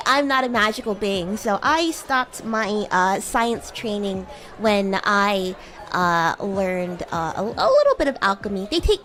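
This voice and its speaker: A woman with a medium-pitched, fairly bright voice streams as a VTuber, improvising in character as a bratty, playful demon schoolgirl. She teases and giggles with her viewers, calling the listener "human" in this roleplay livestream chat.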